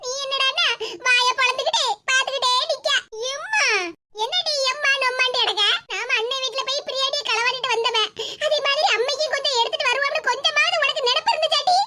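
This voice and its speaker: A woman's voice: very high voice, fast talker. A woman voicing a bitter, self-pitying old village mother in a cartoon who scolds her daughter with sarcasm. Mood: scolding. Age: older. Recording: loud background noise.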